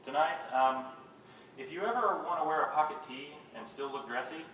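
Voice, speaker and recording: A man giving a live poetry reading, reading his own poems in a measured, unhurried way and making wry, self-mocking jokes between them. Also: fairly high pitch, a bit bright. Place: reading venue with a live audience. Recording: very echoey room, voice picked up from a distance, faint background noise.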